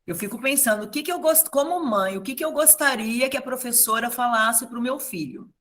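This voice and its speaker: A woman's voice: a little high, brisk, a bit bright. A middle-aged woman, a teacher talking to parents at a meeting, telling stories with feeling and acting out the voices of students and parents. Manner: emotional, addresses the audience directly.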